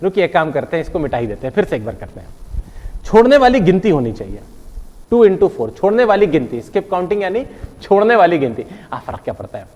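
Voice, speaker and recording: A man teaching a math lesson, playful and animated, counting aloud and checking in with his listeners. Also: high voice, fast talker, in a large hall, dull audio.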